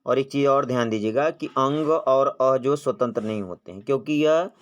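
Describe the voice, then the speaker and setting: A man's voice: medium pitch, moderate pace, lo-fi sound. A man teaching an exam-prep grammar lesson, posing questions and answering them himself, drawing out vowel sounds when he demonstrates them.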